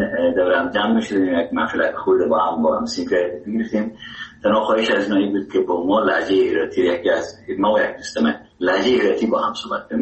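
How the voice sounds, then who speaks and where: Afghan Dari-accented male musician guest, low voice, heard from far off on a dull echoey line, warm and rambling. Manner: warm, rambling, with many hesitations. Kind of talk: radio interview.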